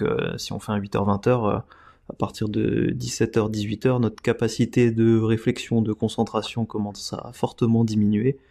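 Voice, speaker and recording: A man hosting a podcast, talking in a casual, measured way and giving his listeners direct advice. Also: on the low side, gravelly, warm tone. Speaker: podcast host.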